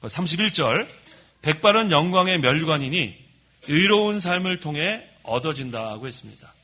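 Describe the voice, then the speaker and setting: Man, middle-aged pastor, sermon, slightly high voice, husky, church pulpit mic. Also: moderate pace. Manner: lively storytelling, admits his own faults. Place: church sanctuary.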